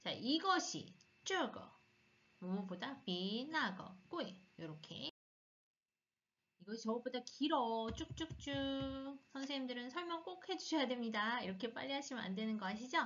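A woman's voice: fairly high pitch, expressive, fairly bright tone, highs cut off. A woman who teaches Chinese, walking other teachers through a lesson demo and drawing out each syllable as she shows the drills. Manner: demonstrating puzzle drills, drawn-out syllables.

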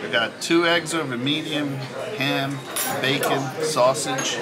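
A man's voice: mid-range voice, fairly even intonation, slow, over a noisy crowd. A man chatting casually with friends over breakfast in a diner. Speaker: friend on a trip. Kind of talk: casual chat. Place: busy diner, indoors.

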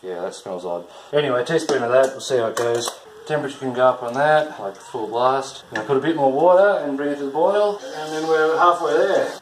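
A man in his thirties talks through a recipe in a relaxed, irreverent way, with the odd casual curse. He is picked up by a camera mic a few feet away in a small home kitchen. The room is echoey, and pots, pans and dishes clatter loudly behind him. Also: medium pitch, a little fast, a little hiss or hum. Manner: chatty, irreverent, swears casually while working. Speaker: home cook hosting a cooking show. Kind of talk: casual cooking demonstration. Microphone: camera mic filming from a few feet away.

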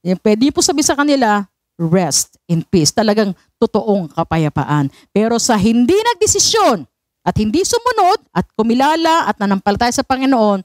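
Filipino woman pastor, high and lively voice, dry close sound, sermon mixing Tagalog and English. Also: dry recording. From Philippines. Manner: animated preaching, mixes Tagalog and English, asks the congregation for affirmation.

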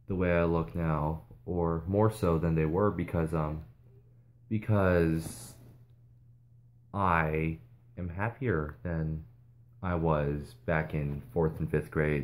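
A vlogger speaking to viewers in a casual, earnest way, hesitating often and restarting sentences. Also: male voice, low-pitched. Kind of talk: casual advice vlog.

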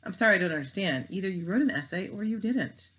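A woman's voice: mid-range voice, expressive, fast, a bit bright, breathy edge, rough recording. A woman doing a stern, proper homeroom teacher. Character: stern middle-aged female homeroom teacher.

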